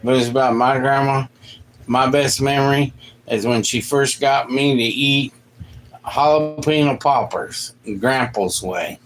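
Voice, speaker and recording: A man in his late forties co-hosting a casual family livestream, easygoing and quick to laugh. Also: mid-range voice, low-quality recording. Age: late 40s.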